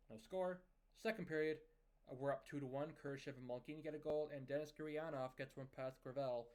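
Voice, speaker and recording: A young man giving casual play-by-play commentary over a hockey management video game, recapping scores and lineup moves in a steady, conversational way. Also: medium pitch.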